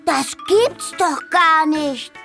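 A woman voicing an excitable little girl in a storybook reading, with a wide-eyed, eager manner. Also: high-pitched, a little slow, faint music behind, pitched above the performer's own voice. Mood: amazed.

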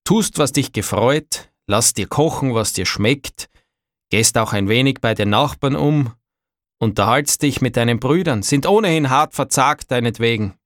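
A man voicing a brooding old farmer father who grumbles in a halting way. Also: mid-range voice, no room sound, clean studio sound, natural voice. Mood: gruff.

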